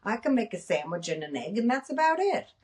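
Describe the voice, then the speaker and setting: A middle-aged woman hosting a casual talk show, animated and self-mocking, acting out her own past thoughts. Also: a little high, brisk, distant mic. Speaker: nurse and podcast host. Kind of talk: casual chat.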